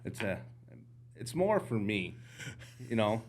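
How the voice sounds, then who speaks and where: A man from the United States with a lowish voice tells stories from his hunts in relaxed podcast chat. He tells them with plenty of animation. A faint hum sits under the recording. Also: takes it slowly. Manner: animated storyteller, jumps into quoted voices. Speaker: podcast guest, outdoorsman. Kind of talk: casual storytelling chat.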